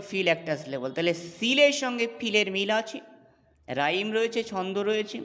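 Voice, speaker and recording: A man gives a classroom lesson on English poetry, breaking the material down step by step and pausing to check that his students follow. His voice sits high for a man, and a long reverb trails each phrase. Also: a bit bright. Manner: explains step by step, asks checking questions. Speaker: English teacher.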